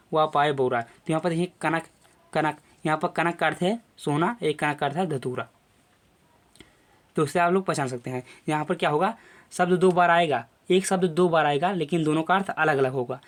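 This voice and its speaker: A young adult male teacher, his voice a little high, delivers a classroom lecture video. He explains things step by step, with lots of repetition and filler phrases.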